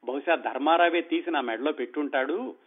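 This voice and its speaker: A man's voice: on the high side, a little fast, husky. A man voicing a patient young wife in a told story, speaking in a pleading, soothing tone in his own voice, over a tinny phone-like sound.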